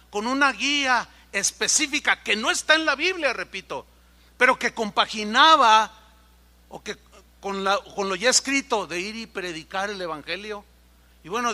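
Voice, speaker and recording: A man preaching a sermon as pastor, acting out quoted conversations in an animated way. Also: sits high. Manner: animated, acts out dialogue in quoted voices.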